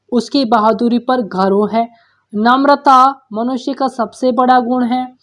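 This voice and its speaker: A woman teacher, patiently working through workbook answers, asking questions and repeating the answers for young pupils. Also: a little high. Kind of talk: workbook solution lesson.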